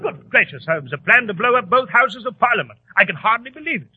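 An actor playing an earnest, genial English doctor in 1940s radio drama, with a British accent and courteous, old-fashioned exclamations. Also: male voice, very high voice, lively intonation, fast talker, faint music behind. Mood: astonished, curious. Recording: muffled vintage radio broadcast.

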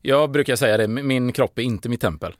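A man's voice: mid-range voice, no room sound, clean studio sound. A man telling a long, rambling story on a podcast, full of fillers and restarts. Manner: rambling, hesitant, with fillers and laughing. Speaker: podcast guest. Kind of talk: casual storytelling.

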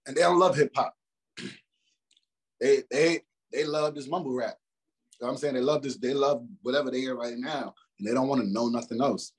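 In a slightly rough, medium-pitched voice, a twenty-something rapper chats casually during an interview at a slightly fast pace. He keeps things loose and slangy, using lots of fillers and often restarting.

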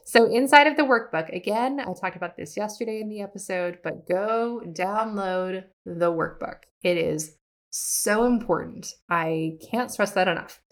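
Speaking at a measured pace in a medium-pitched voice, this art educator and podcast host gives a casual teaching monologue about the art business. She's chatty and self-deprecating, laughing at herself while stressing things in an upbeat way.

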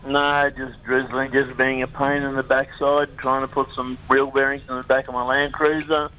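A man's voice: mid-range voice, flat delivery, normal speed, sharp tone. A man with an Australian accent calling in for a casual, blunt, blokey chat over a slightly noisy line. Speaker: caller.

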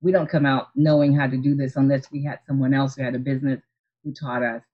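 A woman's voice: extremely low pitch, little pitch movement, fast talker, slightly rough, dull audio. A woman in her forties from Haiti, an optometrist, telling her story in an earnest, reflective way over a video call. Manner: earnest, reflective, with frequent restarts and soft laughs. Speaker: optometrist and practice owner, guest. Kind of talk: casual interview storytelling.

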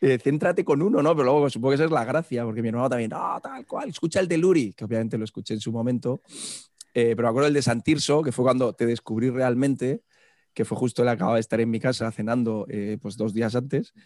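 A man from Murcia talks in a rapid, hoarse voice, blunt and peppered with swearing. His pitch sits in an ordinary middle range. The sound is dry and close, with no room behind it. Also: no echo. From Murcia, Spain. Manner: blunt, swears casually, lively. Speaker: podcast guest. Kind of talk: casual chat.

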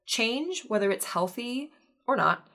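A woman's voice: a little high, expressive, measured pace, fairly bright tone. A woman co-hosting a podcast from a room in a house, chatting casually, laughing often and repeating words for emphasis. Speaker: podcast co-host. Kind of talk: casual chat.

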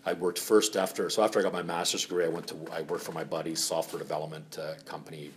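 A man's voice: sits low, level tone, quick pace. A middle-aged man from Finland telling his life story at a lunch meeting in a frank, rambling way with many fillers. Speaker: speaker at a member spotlight. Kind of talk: casual personal story.

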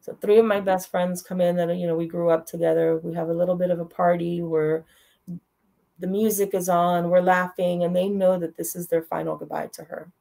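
A woman's voice: on the low side, level tone, fairly quick, gravelly, warm tone. A middle-aged woman telling a personal story as a guest, in a direct and heartfelt way, repeating her phrases. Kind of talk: emotional storytelling.

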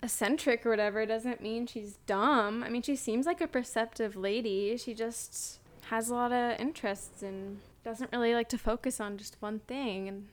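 A young woman with a slightly high voice chats about a book. She is giggly and acts out lines from the scenes as she talks. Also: moderate pace, hardly any pauses. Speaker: podcast co-host. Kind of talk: casual book-discussion chat.

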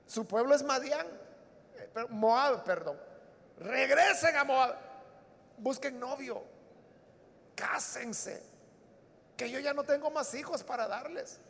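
A man's voice: very high-pitched, lively intonation, takes it slowly, vocal fry, long pauses, exaggerated voice. A man voicing a weary older widow who insistently pleads with her daughters-in-law to go home. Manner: pleading, insistent, rising shouts. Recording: long reverb of a large hall.

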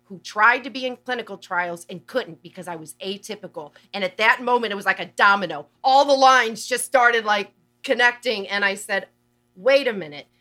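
Woman patient advocate, bright sharp voice, earnest, kinda repeats herself mid thought. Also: mid-range voice, moderate pace. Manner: earnest, passionate, repeats words when thinking. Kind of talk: conversational interview.

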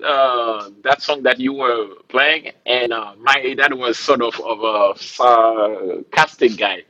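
A man's voice: mid-range voice, slow pace, bright, forceful tone, highs cut off. A man from Haiti, a musician, talking in a laid-back way with fillers and laughs in a casual interview. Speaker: musician guest.

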